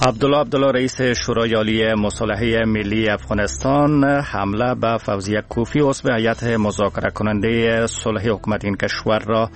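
A man with an Afghan accent reading news headlines in a solemn, formal newsreader manner. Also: on the low side.

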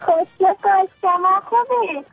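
A caller from Herat phoning a radio show, who answers in shy, short replies. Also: female voice, very high voice, faint music behind. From Herat, Afghanistan. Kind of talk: phone call to a radio show. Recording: tinny phone line.

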